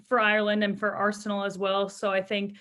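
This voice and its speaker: A young adult woman, a professional footballer, answers interview questions in a medium-pitched, fairly bright voice. She speaks briskly and monotonously, yet her casual, conversational replies come across as upbeat and earnest.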